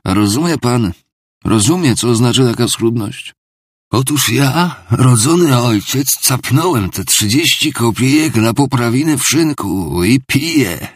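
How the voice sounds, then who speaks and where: Audiobook: man doing a boozy older male ex-clerk, raised gravelly voice, pleading, rambling, husky, dry close sound. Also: medium pitch, lively intonation, a little slow, dry recording, pitched above the performer's own voice. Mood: bitter, agitated. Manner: pleading, rambling, theatrical confession. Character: drunken, self-pitying older male ex-clerk. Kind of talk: audiobook character reading.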